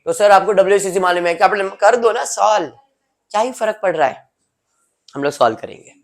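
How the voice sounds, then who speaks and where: A man's voice: sits high, fairly quick. A male teacher gives a classroom lecture, explaining step by step and teasing students by name.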